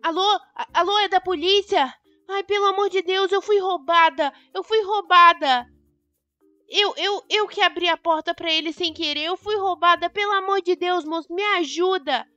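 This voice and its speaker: A woman's voice: brisk, few pauses, no echo, dull audio. A woman voicing a dramatic, outspoken young woman robbed by a fortune-hunter. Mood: distraught. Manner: exclaiming, high and bright.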